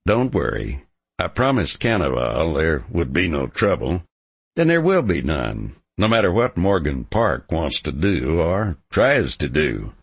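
Stubborn, romantic cowhand for western audiobook, male reader: gravelly, cocky, blunt, confident, lively pitch movement. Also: unhurried, no room sound, heavily acted. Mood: resolute. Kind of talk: audiobook character dialogue.

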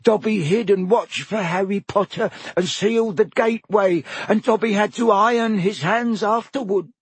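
A squeaky, servile male house elf, all nerves and pleading, in a storybook reading. The voice is high and husky, recorded close and dry. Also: normal speed, no room sound. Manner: servile, high-pitched pleading, many "sir"s. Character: timid anxious male house elf servant.

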